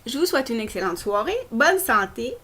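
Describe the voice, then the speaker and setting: Presenting essential oils in a relaxed vlog, a Québécois-accented woman speaks directly and chattily to her audience. Her voice is on the high side, bright, forceful, and sing-song, a little fast, with faint hiss or hum audible.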